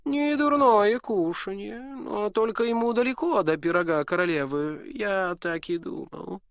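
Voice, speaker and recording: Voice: medium pitch, moderate pace, fairly bright tone, no room sound, studio quality, voice pushed up, lightly acted. A storyteller voicing a smug visiting prince who mocks and condescends to a cook in a storybook reading. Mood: condescending. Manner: mocking, condescending.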